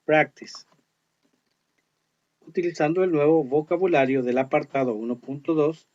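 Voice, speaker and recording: Male teacher, slow careful explainer, slightly high voice, dull lo-fi audio. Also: darkish tone. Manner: slow, explanatory, reads English words carefully. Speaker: English teacher. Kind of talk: online lesson narration.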